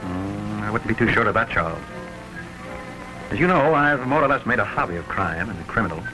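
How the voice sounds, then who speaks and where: An actor in an early talkie film playing a composed, worldly gentleman amateur criminologist with measured, urbane diction, on an old crackly soundtrack. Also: on the low side, very animated, soft background music. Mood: assured.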